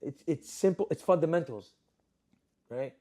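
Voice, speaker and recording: A man's voice: fairly high pitch, animated, moderate pace, warm tone. A young adult man and restaurant owner, chatting as a guest in an interview, who tells stories animatedly and acts out his customers and workers. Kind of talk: casual interview chat.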